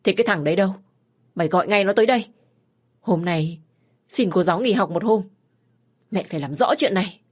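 A woman voicing a frantic mother who scolds her pregnant teenage daughter with loud, rapid questions. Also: mid-range voice, natural voice.

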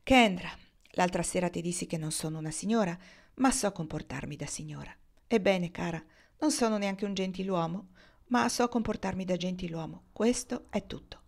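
Woman voicing a slow, gentle, worldly woman, audiobook. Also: lowish voice, vocal fry. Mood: tender.

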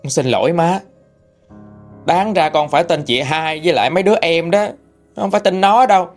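A man's voice: on the high side, a little fast, faint music behind, pitched above the performer's own voice, close to an everyday voice. A man voicing a middle-aged husband with a Southern Vietnamese accent, threatening in rage and pleading in remorse. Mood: remorseful.

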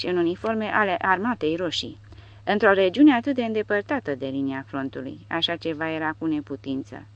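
Rich: A woman narrates an audiobook in a low voice with a steady storytelling delivery. The recording is dull and lo-fi. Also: no room sound.

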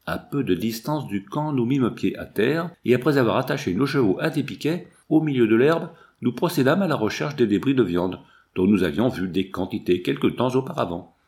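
A man reading a novel aloud as narrator, telling it in an expressive storytelling way. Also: mid-range voice, moderate pace. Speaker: audiobook reader. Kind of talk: scripted narration.

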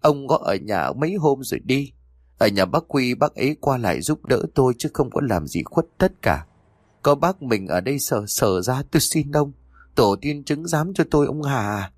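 A young wife pleading through tears, begging her jealous husband to believe her, as a male narrator puts her on. Her words rise and fall in urgent, lively swings, delivered in a dry, close voice from an audiobook. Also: mid-range voice, moderate pace, dry recording, natural voice.

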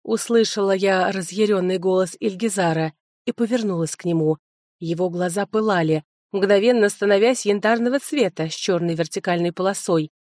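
A woman narrating a first-person storybook with an expressive reading. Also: medium pitch, moderate pace, dry recording, clean studio sound. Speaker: audiobook narrator.

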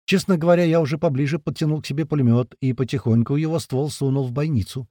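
A man narrating a first-person audiobook in a colloquial, rough-spoken, vivid way. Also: a little high, fast, dark tone, no room sound, studio quality.

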